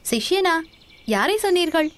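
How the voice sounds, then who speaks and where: A young male traveler, curious and playfully mocking, his voice lifted high with surprise and questions, as a woman narrator puts him on. He teases his companion yet startles easily. A storybook voice pitched above the narrator's own. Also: moderate pace, close to an everyday voice. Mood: incredulous. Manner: mocking, inquisitive.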